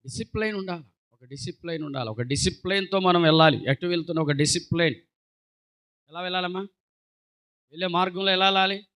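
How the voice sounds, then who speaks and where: A man preaching a sermon as pastor, exhorting his congregation and calling out for hallelujahs, swinging between loud preaching and quiet asides. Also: high-pitched, quick pace. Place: church sanctuary.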